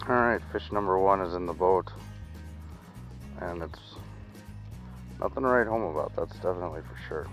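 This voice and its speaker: A man's voice: deep voice, unhurried, pauses often, faint music behind. A man, chatting casually to an action camera as he fishes from a small boat on a lake. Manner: chatty, talks to himself while fishing. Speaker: fishing vlogger. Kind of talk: casual fishing vlog. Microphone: action camera mounted on the boat.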